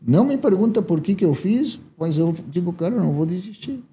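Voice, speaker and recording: A Uruguayan man with a Uruguayan accent tinged by a southern Brazilian lilt speaks as an entrepreneur guest in a casual conversation. His high-pitched, dark-toned voice is animated and a little fast as he tells his story, peppered with tag questions.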